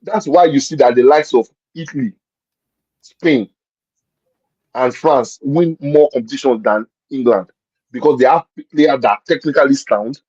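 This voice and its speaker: A man's voice: medium pitch, normal speed, darkish tone, slightly rough, no echo, highs cut off. Emphatic man breaking down football. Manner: emphatic, repeats points, explains with examples. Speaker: football pundit. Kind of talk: casual match-review chat.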